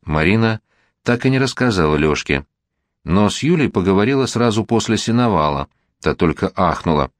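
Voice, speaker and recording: A man narrates an audiobook, reading expressively from the text. His voice is very low but moves a great deal in pitch. The sound is dry and close to the microphone. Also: lively intonation, moderate pace, no echo. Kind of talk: scripted narration.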